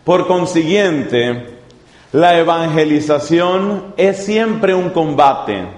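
Slow, deliberate preacher in an echoing hall. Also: male voice, a little high, darkish tone. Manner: deliberate, emphatic repetition. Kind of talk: sermon. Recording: echoey hall, long reverb.

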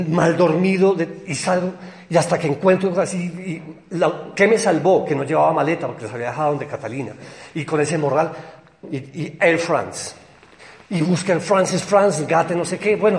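A young Colombian man telling a personal anecdote in a rambling, excitable way. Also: on the high side. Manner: excited, rambling, quick storytelling with laughs.

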